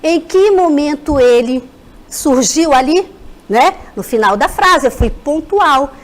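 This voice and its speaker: A Brazilian woman teacher giving a televised school lesson, speaking to the children in an animated way and addressing them directly. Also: sits high, slow pace.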